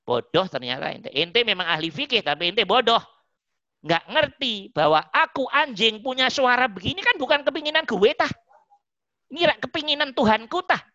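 A woman's voice: on the high side, bright, forceful tone, no room sound, pitched above the performer's own voice. Woman putting on a cocky slangy dog voice, mocking and brash, dull muffled sound. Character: cocky street-smart talking dog, scolding a scholar.

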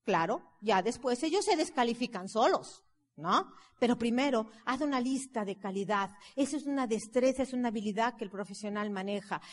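A woman's voice: fairly high pitch, animated, moderate pace. A woman giving a motivational seminar talk on network marketing, emphatic and building up with repeated phrases. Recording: long hall reverb from a live talk.

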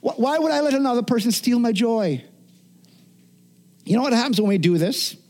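A man's voice: extremely high pitch, animated, normal speed, darkish tone. A middle-aged man preaching a sermon as pastor, earnest, often restarting and repeating words.

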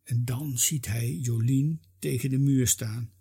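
A narrator reading a children's story aloud with lively expression. The voice is husky and unhurried. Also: mid-range voice.

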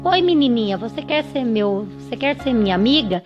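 A woman's voice: on the high side, animated, a little fast, dull audio, over music, natural voice. A woman voicing a friendly talking frog that keeps asking a little girl to be its friend. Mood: coaxing. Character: friendly hopping talking frog, lonely and persistent.

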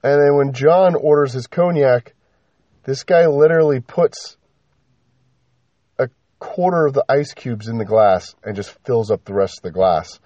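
A man's voice: mid-range voice, unhurried, dark tone, no echo. A man telling a story in a casual, rambling way on a podcast, swearing and using lots of fillers. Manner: rambling, profane, many fillers. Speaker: podcast host. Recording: slightly dull lo-fi with faint noise.

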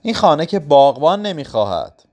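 A man's voice: on the high side, very animated, a little mellow, voice pushed up. A man voicing a cruel, domineering aging aristocrat who speaks in curt commands.

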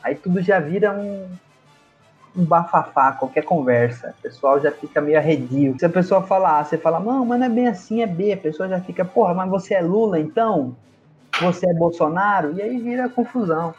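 A man's voice: high-pitched, lively intonation, a little fast, darkish tone. A young Brazilian man hosting a podcast, telling stories in casual, slangy chat with lots of animation. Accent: Brazilian Portuguese. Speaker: podcast host. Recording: dull lo-fi sound with faint music.

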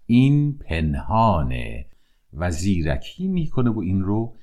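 A man retelling old tales in everyday speech with an expressive storyteller's delivery. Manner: expressive, shifting pitch for characters.

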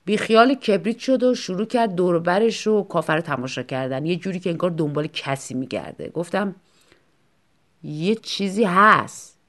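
A woman narrating a short story in the first person, in a measured, low-key storytelling manner. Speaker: audiobook narrator.

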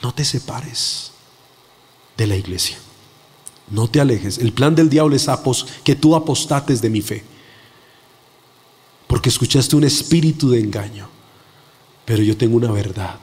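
A preacher voicing God as a calm, tender, fatherly figure, speaking low, slow and hushed in a large echoing hall. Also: slightly rough. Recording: long echo of a large hall.

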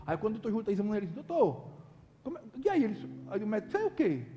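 A man preaching, telling a story with lively, animated delivery and acting out other people's voices. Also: sits high, racing, big-room sound, lo-fi sound. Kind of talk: sermon testimony.

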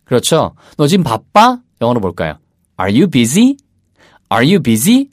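A male English teacher with a Korean accent gives a casual English lesson, coaching listeners by repeating short phrases slowly in a sing-song rhythm. His mid-range voice swings hugely up and down. The close recording is dry, with no room sound or echo.

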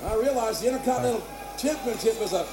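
A man's voice: extremely high pitch, fast, echoey room, music in the background. A man giving live wrestling commentary, reacting urgently and explaining the action as it unfolds. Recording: loud arena crowd behind the voice. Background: cheering crowd.

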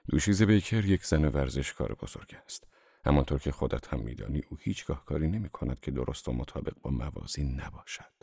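A male audiobook reader voicing a guarded young millionaire who speaks softly and calmly. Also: a bass voice, vocal fry, husky, no room sound, studio quality, pitched below the performer's own voice, full character voice. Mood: reassuring.

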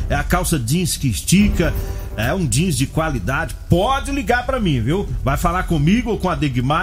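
A man pitches products live on radio. His delivery swings up and down and stays chatty and informal, over a music bed. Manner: chatty, repeats tags like "tá?" and "viu?". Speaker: radio host reading live ads. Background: background music.

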